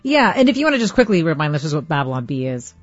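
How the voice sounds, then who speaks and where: A woman hosting a radio talk show, brisk and polite as she takes calls. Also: low-pitched, big pitch swings, dull audio, soft background music. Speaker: radio host.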